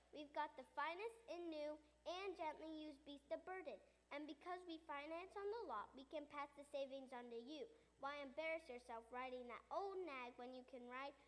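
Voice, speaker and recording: A woman doing a pushy male camel salesman. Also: lightly acted. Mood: pitching. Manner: salesy, rapid-fire sales pitch. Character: fast-talking male used-camel salesman, pushy pitchman. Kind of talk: children's church radio skit.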